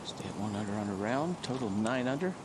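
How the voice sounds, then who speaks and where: A man with a fairly low, lively voice works as a golf commentator on live television. His delivery moves between brief appraisals and description, over loud outdoor noise. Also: fairly quick.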